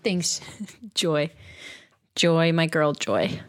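A woman's voice: low voice, lively intonation, drawn-out words, slight background noise. A woman co-hosting a podcast in casual, conversational back-and-forth. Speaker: podcast co-host. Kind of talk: casual chat.

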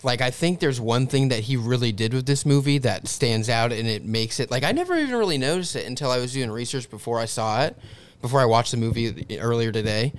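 A man's voice: medium pitch, lively intonation, fairly quick, clean tone. A man co-hosting a podcast, chatting casually about a film and filling his sentences with "like.". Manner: casual, heavy use of "like". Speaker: podcast co-host.

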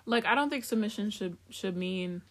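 A woman from Africa with a medium-pitched, slightly bright voice talks at a moderate pace. As a podcast co-host, she chats candidly in a casual way, laughing often and wandering off topic.

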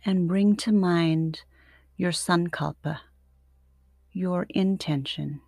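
A woman guiding a sleep meditation like a sleep story narrator, soothing and unhurried, with long pauses between short phrases. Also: fairly low pitch, a little mellow, no room sound, clean studio sound. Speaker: yoga nidra meditation teacher.

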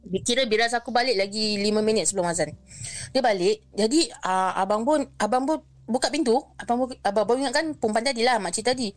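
A young woman telling her own ghost story in casual chat, lively, acting out each person's lines and slipping English phrases in. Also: a little high, fast talker. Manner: lively, acts out the other people's lines, mixes in English phrases. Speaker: guest sharing a ghost story.

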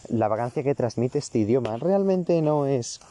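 A man's voice: medium pitch, expressive, moderate pace, mellow. A seventeen-year-old man, ranting profanely and self-mockingly in a casual podcast-style monologue, recorded outdoors in a garden. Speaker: vlogger.

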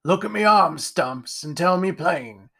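A man voicing a gruff, scarred old male captain who talks in old seafaring dialect with a growling manner. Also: high voice, expressive, unhurried, pushed and bright, exaggerated voice.

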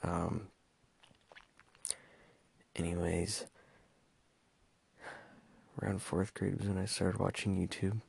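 A man's voice: deep voice, flat delivery, slow pace, creaky, long pauses, a little mellow, husky. A young man talking in a casual personal monologue, hesitant and stumbling over his words with many fillers. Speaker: podcast host.

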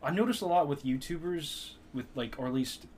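A man's voice: on the high side, animated, brisk, a little mellow, a little hiss or hum. Rambling young man on a podcast. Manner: rambling, self-mocking, many restarts. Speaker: podcast co-host. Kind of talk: casual chat.

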